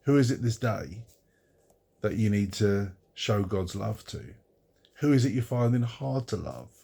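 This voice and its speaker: Low husky-voiced man giving a devotional. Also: expressive, unhurried, dark tone. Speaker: pastor. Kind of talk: devotional Bible reflection.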